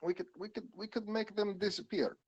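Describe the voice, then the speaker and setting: A man's voice: high voice, fairly even intonation, a little fast, a little mellow, slightly rough, muffled recording. A man playing his character in a tabletop game, arguing stubbornly, with a put-on Russian accent that comes and goes. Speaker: player. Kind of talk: in-character tabletop role-play.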